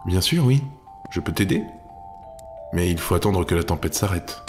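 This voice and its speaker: A man's voice: low-pitched, expressive, normal speed, darkish tone, soft background music. A man voicing a carefree young woman archer who talks in a blunt, casual way.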